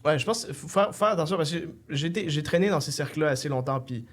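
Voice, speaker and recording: A man's voice: fairly high pitch, expressive, quick pace. A man hosting an interview, who asks questions thoughtfully and hedges with many fillers. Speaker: interview host. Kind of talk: casual interview conversation.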